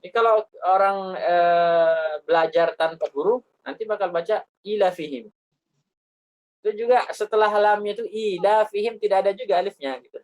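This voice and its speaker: Female recitation teacher, patient explainer, slow repeated examples. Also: mid-range voice, darkish tone, rough recording. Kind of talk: explanatory religious lesson.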